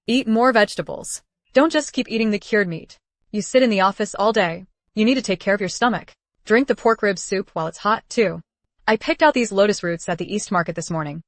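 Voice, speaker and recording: A woman dubbing a caring young wife in a period drama, with a gently bossy, fussing manner. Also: mid-range voice, brisk, dry recording, lightly acted. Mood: teasing, fussing. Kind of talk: English dub of a period drama.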